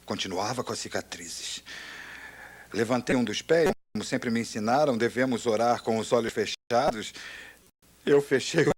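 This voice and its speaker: Man, war veteran, dubbed testimony, mid-range voice, earnest, hushed to loud outcries. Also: mid-range voice, normal speed, husky.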